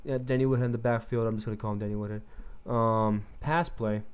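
A man's voice: on the low side, fairly even intonation, fast, clear, resonant tone. A young man rambling through casual gameplay commentary, loose and profane, filling gaps with likes and ums, his throat a little froggy. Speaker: gaming commentator.

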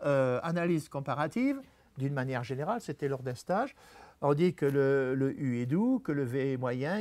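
A man's voice: sits high, darkish tone, no echo. A man giving a talk on typography to an audience, explaining step by step and checking in with his listeners. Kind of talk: presentation to an audience. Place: venue talk before an audience.

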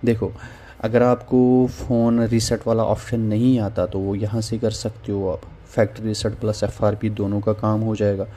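The host's voice is lowish and warm, with a flat delivery and a moderate pace. Over a screen recording, he walks viewers casually through a phone repair tool, often saying "theek hai" between steps.

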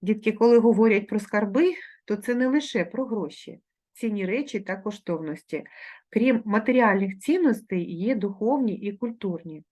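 A woman with a Ukrainian accent, a primary school teacher giving a recorded online lesson, dictating words slowly and clearly. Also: mid-range voice, lively intonation, darkish tone. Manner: slow, carefully articulated dictation of words.

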